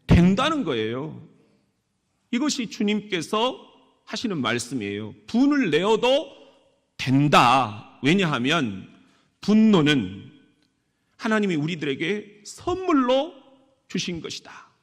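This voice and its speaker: A man preaching a sermon as pastor of a church, speaking in an animated way and often asking his congregation questions. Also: high voice, takes it slowly. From Korea. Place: church sanctuary. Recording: echoey church hall.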